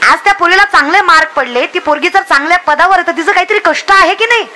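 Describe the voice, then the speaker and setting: A woman's voice: extremely high pitch, quick pace, pushed and bright, faint music behind. A young woman preaching a comic devotional sermon, urging the crowd and acting out villagers' lines. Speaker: kirtan preacher.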